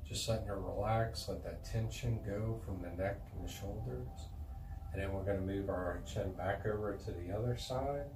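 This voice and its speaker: A man calmly and gently leading a guided stretching routine as an instructor, talking in an unhurried way. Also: fairly low pitch. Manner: calm, gentle, unhurried coaching. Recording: echoey room, distant mic, noisy background.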